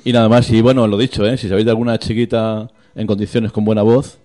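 A man's voice: fairly low pitch, little pitch movement, quick pace, mellow. A middle-aged man, a radio guest teasing and telling gossip with many restarts. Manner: chatty, teasing, hesitant restarts. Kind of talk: joking radio chat.

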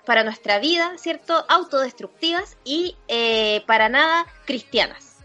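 A woman's voice: high voice, lively intonation, unhurried, bright, forceful tone, soft background music. A young woman with a Chilean accent, chatting casually as a podcast co-host. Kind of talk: casual chat. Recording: dull lo-fi audio.

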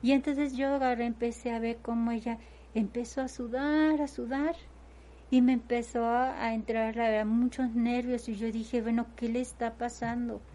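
A woman's voice: on the high side, fairly even intonation, normal speed, mellow. A middle-aged woman, a mother recounting events at length in an interview, stringing her story together with repeated phrases. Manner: retells events in long chains, often repeating "agarré y". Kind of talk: personal testimony in conversation.

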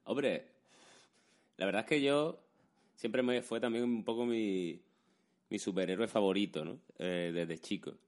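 A man from Spain hosts a casual comedy chat, teasing and riffing. His voice sits low. He jokes freely. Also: measured pace, pauses often. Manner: joking, teasing, does mock voices.

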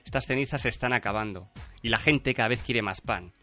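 A man's voice: mid-range voice, brisk, sharp tone, faint music behind. A man hosting an improv game, laying out the prompts in a teasing way and checking in often. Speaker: host running an improv game.

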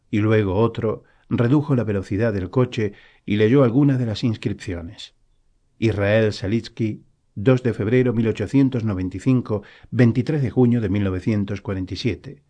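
A man reading a novel aloud as an audiobook narrator, in a calm, even storytelling manner. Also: fairly low pitch.

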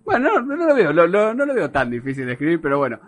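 A man's voice: a little high, huge pitch swings, quick pace. A male radio host with an Argentine accent interviewing a guest, rambling and repeating words as he goes. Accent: Rioplatense Spanish.

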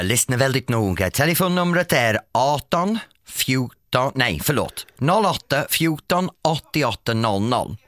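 A man's voice: mid-range voice, fairly bright tone, no echo. A man hosting a radio show in a studio, chatting casually in a playful, self-mocking way. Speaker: radio host.

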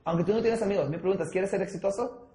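High-pitched guy coaching a sales team, keeps asking if u follow, echoey room. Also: fast talker, dark tone. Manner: mixes in English words, keeps checking in with listeners. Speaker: sales trainer. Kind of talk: training talk with role-play.

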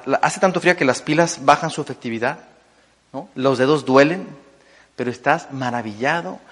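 Middle-aged Mexican man, motivational speaker, animated storyteller with a slightly high voice, heard with reverb in a big hall. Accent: Mexican Spanish. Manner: animated, enthusiastic storyteller, many fillers and rhetorical "¿no?". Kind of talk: storytelling talk to an audience.

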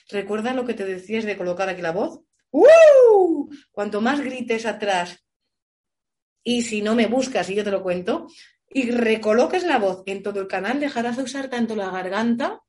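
Woman voice coach giving advice, expressive, acts out shouts now and then. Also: mid-range voice. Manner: warm, expressive, illustrates with shouts and playful voices. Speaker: voice coach guest. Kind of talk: advice answering audience questions.

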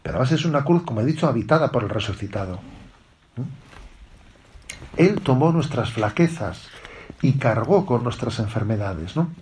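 A middle-aged bishop from gives a spiritual retreat talk, speaking at an ordinary pitch. He preaches conversationally and keeps checking in with his listeners through short tag questions. A faint hiss runs under his voice. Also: lively intonation, normal speed, pauses often, a little mellow.

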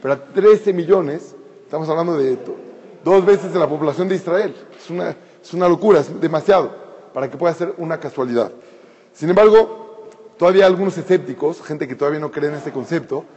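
A man's voice: fairly high pitch, a little fast, darkish tone, breathy edge. A man giving an informal storytelling talk, who repeats words and phrases for emphasis. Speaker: speaker telling a story. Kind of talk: informal spoken storytelling lecture. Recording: reverberant hall, dull lo-fi sound.

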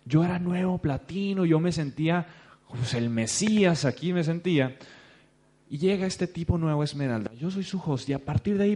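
A young man with a Mexican accent giving a motivational talk to a seated audience, telling his story with lively bursts of emphasis. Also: a little high. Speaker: seminar speaker. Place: stage before a seated audience.

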